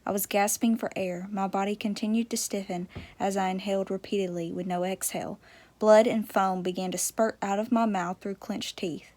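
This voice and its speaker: A woman narrating a first-person memoir as an audiobook, in a steady, measured reading. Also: medium pitch.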